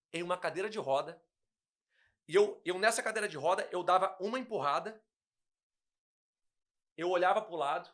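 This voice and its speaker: A young guest pastor shares a personal testimony in casual conversation, telling it emotionally and acting out the dialogue. His voice sits high and is a bit bright.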